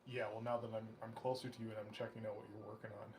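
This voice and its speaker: A man's voice: on the low side, flat delivery, racing, a little mellow, a little hiss or hum. A man chatting casually on a home live stream, relaying viewer messages in an offhand, joking way. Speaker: co-host relaying chat messages. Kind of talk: casual chat. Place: home studio.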